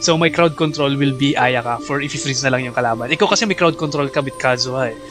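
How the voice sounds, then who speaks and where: A Filipino-accented man, a native Tagalog speaker, streams a game with casual, chatty commentary, switching between Tagalog and English. He talks fast in a medium-pitched voice. Game music plays in the background.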